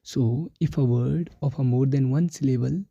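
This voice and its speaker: Man teaching, dark gravelly voice. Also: medium pitch, drawn-out words, no echo, lo-fi sound. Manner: mixes English terms into explanations, repeats key answers. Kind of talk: exam prep lecture.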